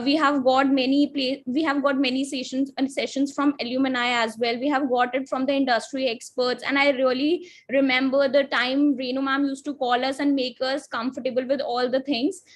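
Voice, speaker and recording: A woman in her twenties with an Indian accent, giving an earnest, polite student testimonial. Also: sits high. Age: 20s. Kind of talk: informal testimonial speech.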